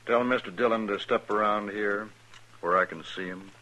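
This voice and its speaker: A cold, hard gang boss, played by an actor, curt and commanding. His voice sits lowish, heard through a dull, lo-fi old radio transfer. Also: fairly even intonation, moderate pace, background noise, natural voice. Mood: menacing. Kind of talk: 1950s radio drama acting.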